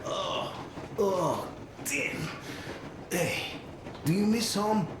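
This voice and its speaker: Young russian soldier in a game, teasing n loyal, fairly high voice, very echoey. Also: male voice, expressive, drawn-out words, exaggerated voice. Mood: easygoing. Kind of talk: video game dialogue. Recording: very echoey, noisy game audio.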